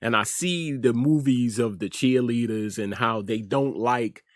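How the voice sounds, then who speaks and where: A middle-aged American man hosts an online news commentary show, delivering informal opinion pieces with emphasis and repeating phrases for effect. His medium-pitched voice moves a little slowly, captured in a dry, clean studio recording.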